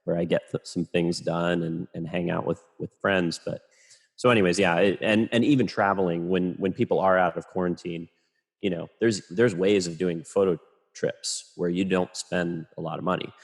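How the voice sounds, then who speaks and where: A man, a photographer, talking casually and rambling in a relaxed, self-deprecating way as a podcast guest. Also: low-pitched, normal speed, vocal fry.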